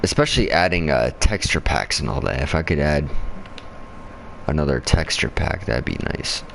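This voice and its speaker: Very deep-voiced, tired, swearing gamer man. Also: animated, vocal fry, a bit bright, slight background noise. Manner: rambling and profane, with frequent pauses and restarts. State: tired after a night shift. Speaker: gamer streaming his own play. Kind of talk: casual gameplay chat.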